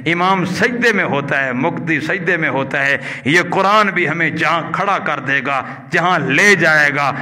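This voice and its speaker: A male preacher delivers a religious lesson in a bright, forward voice. He teaches step by step, posing questions to the listeners and supplying the answers. He drawls Arabic grammar patterns out slowly, one at a time. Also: a little high. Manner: didactic, asks the audience questions and answers them himself. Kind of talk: Urdu religious lecture explaining Arabic grammar.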